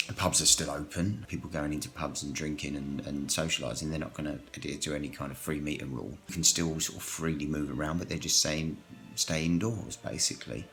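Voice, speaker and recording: A man playing a hesitant high-risk man staying indoors, speaking with many pauses in a video diary. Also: steady tone, a bit bright. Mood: uneasy. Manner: hesitant, many ums and restarts. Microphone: webcam or phone at home.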